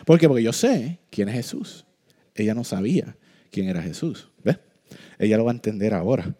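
A man preaching a sermon, joking and animated at times, then slowing into solemn, deliberate points. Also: on the low side. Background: soft piano music.

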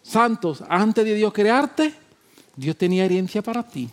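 A male pastor preaching a sermon, emphatic and repetitive, moving between loud exhortation and quiet, low talk. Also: animated, unhurried.

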